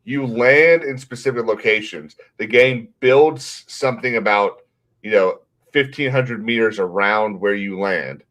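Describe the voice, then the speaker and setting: A man, hosting a casual gaming chat, blunt and quick to laugh. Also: on the low side. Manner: relaxed, blunt, laughs easily. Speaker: podcast host.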